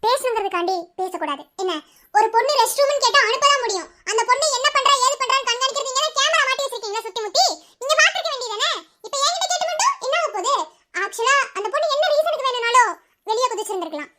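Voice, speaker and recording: A woman's voice: very high voice, lively intonation, fast, bright, forceful tone, heavily acted. Woman doing a firm outspoken lecturer. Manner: firm, challenging.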